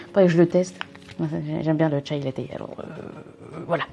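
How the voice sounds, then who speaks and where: Low gravelly-voiced woman chatting through an unboxing. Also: fairly even intonation, normal speed, noisy background. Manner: chatty, rambling, self-mocking asides. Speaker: vlogger unboxing a subscription box. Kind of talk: casual unboxing chat.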